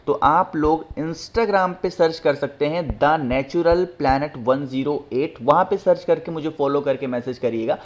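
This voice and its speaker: A man's voice: a little high, lo-fi sound. A man hosting his channel, giving step-by-step instructions and tossing rhetorical questions at viewers, often checking they follow. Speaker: channel host.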